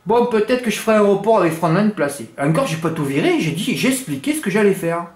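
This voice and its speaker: A lively man in a loose monologue about his racing bets, his somewhat high voice jumping between loud bursts and low mutters as he cracks bawdy jokes. The room adds a clear echo around him. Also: quick pace. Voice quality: has a noticeable accent others laugh at. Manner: animated, crude joking, big swings in pitch and loudness. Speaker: horse racing tipster. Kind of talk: casual monologue to camera.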